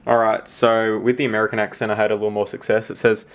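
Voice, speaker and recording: Australian male tech host, lowish voice, casual demo read, wry about his own mistakes. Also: flat delivery, quick pace, slight background noise. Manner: casual, self-deprecating, matter-of-fact.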